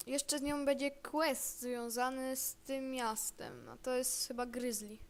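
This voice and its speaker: A woman's voice: high voice, animated, unhurried, a little hiss or hum. A woman giving casual gameplay commentary, chatty and thinking aloud as she plays. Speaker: gamer.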